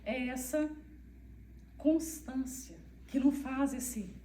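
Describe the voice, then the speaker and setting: Soft-spoken woman in an echoey hall. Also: sits high, slow pace, slight background noise. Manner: soft, even-toned, speaks of her monotone voice. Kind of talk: informal talk to a church group. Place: church hall. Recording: echoey room, far from the mic.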